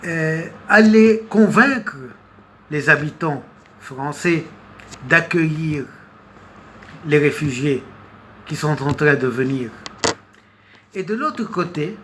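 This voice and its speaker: Noticeable background noise accompanies a man's unscripted political commentary. His delivery is very slow and hesitant, full of long pauses and repeated words, in a slightly high, expressive, somewhat bright voice.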